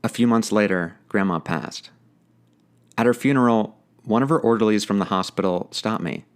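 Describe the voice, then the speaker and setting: A man's voice: lowish voice, normal speed, smooth. A man narrating his podcast in a reflective, personal, plainspoken way. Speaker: podcast host.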